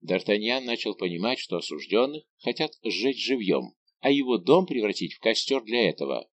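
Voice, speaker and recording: A man's voice: on the low side, normal speed, no room sound. A man narrating an adventure novel as an audiobook, telling it in a dramatic, vivid way. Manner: expressive, vivid storytelling.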